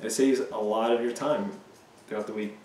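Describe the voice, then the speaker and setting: A man's voice: fairly low pitch, fairly even intonation, normal speed, darkish tone, recorded from a distance. A young man, a personal trainer, chatting casually and hyping things up while cooking in a home kitchen. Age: young adult. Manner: upbeat, hype-filled, says "you know" often. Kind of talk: casual cooking video chat. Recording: roomy kitchen echo, faint noise.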